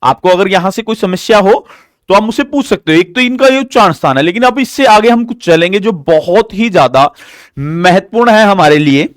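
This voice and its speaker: In clean, echo-free studio audio, a man works through a live online grammar lesson step by step. He keeps asking questions and answering them himself as a drill, explaining slowly and deliberately in a lively tone.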